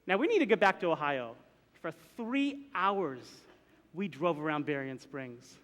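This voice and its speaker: A young pastor tells a funny story from the pulpit, chatty and animated, with plenty of filler words. His voice is high and bright, and it rings around a reverberant church hall. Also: measured pace. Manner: animated, comic, chatty with many likes. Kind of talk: storytelling sermon.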